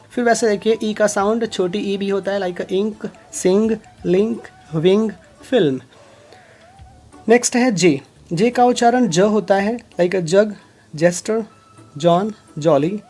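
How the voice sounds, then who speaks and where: A woman teaching English letter sounds in Hindi, reading out example words one at a time in a deliberate way. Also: medium pitch, darkish tone. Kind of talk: phonics lesson explained in Hindi.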